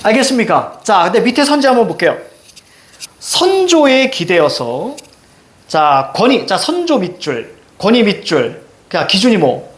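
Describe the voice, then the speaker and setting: Animated, high-pitched male teacher quizzing. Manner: emphatic, quizzing students with constant check-ins. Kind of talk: Korean reading lesson.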